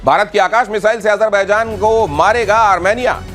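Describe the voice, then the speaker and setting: A man's voice: high-pitched, steady tone, normal speed, a bit bright, soft background music. A man anchoring a TV news debate in a studio, reading bulletins with dramatic, rhetorical flair.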